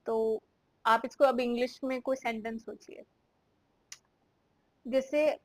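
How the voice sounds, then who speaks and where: A woman teaching English idioms in Hindi, saying each example sentence slowly and clearly. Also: high voice, no room sound, rough recording. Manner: slow, carefully spaced example sentences.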